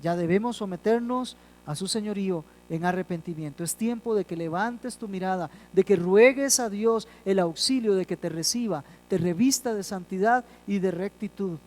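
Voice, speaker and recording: Male pastor, sermon delivery, dynamic swells and hushed endings, deliberate emphatic pacing. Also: high-pitched, poor audio. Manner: swells loud on key phrases, drops soft at line ends; slows down for emphasis.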